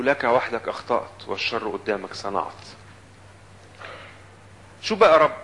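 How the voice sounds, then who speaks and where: A man with an Egyptian Arabic accent and a mid-range voice preaches an animated sermon, quoting scripture and giving voice to the people in it.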